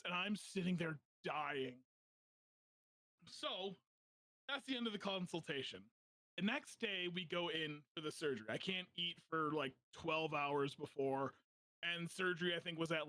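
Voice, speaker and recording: A young man hosting a podcast, telling a funny personal story in a casual, animated way, often laughing as he talks. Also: high voice, no room sound. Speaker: podcast host.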